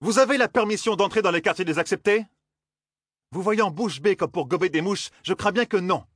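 A man plays a stern former wise woman who orders people about in a storybook reading. The voice sits high and swings a lot as she scolds. It is dry and close. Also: animated, normal speed, dry recording. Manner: sharp, commanding, scolding. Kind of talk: audiobook character voice.

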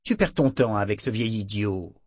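A man's voice: on the low side, animated, normal speed, a little mellow, dry recording, studio quality. A man doing a haughty, icy royal counselor. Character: arrogant, cold older brother, a royal counselor.

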